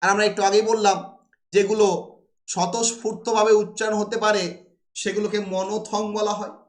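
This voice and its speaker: High-voiced male teacher in a roomy echo. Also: flat delivery, brisk. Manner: asks rhetorical questions then answers them. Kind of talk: classroom lecture.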